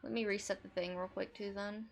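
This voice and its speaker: A woman streaming a game, chatting casually with wry, quick asides and reading lines aloud. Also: medium pitch, flat delivery, creaky, a little hiss or hum.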